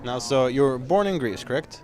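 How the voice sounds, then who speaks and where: A man interviewing a fighter before an MMA event, asking measured questions with the odd filler. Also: medium pitch, a little mellow.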